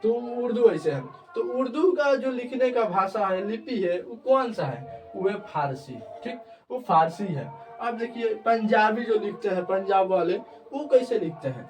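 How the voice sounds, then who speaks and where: Young male online tutor with a high voice, recorded from a distance. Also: animated, a little slow, a little mellow. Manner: repeats checks of understanding. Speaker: teacher. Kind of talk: online grammar lesson.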